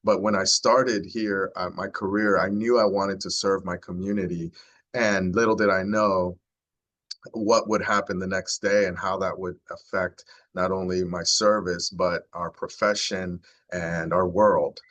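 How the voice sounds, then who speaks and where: A man's voice: sits low, fairly even intonation, measured pace, a bit bright, muffled recording. A man in his forties, a county sheriff, giving an earnest, heartfelt talk to a neighborhood group. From United States. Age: 40s.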